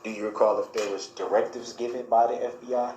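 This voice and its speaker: A man questioning a witness in a courtroom cross examination, speaking formally and haltingly. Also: medium pitch, flat delivery, a little mellow. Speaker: defendant questioning a witness as his own lawyer. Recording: echoey courtroom with faint noise.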